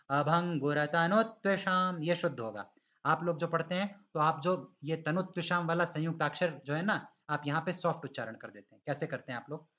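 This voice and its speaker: A man teaching Sanskrit pronunciation in an online class, patiently correcting students and demonstrating recitation slowly. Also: on the high side, a bit bright, dull audio.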